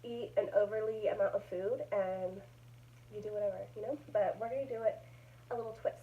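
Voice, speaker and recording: A woman's voice: medium pitch, steady tone, a little fast. A young woman vlogger in casual chat, chatty and giggly, rambling with fillers. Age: young adult. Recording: dull lo-fi sound.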